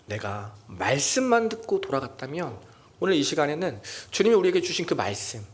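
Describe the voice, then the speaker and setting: A young adult man preaching a sermon as junior pastor at a church prayer meeting, acting out quoted lines in a loud raised voice. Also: a little high.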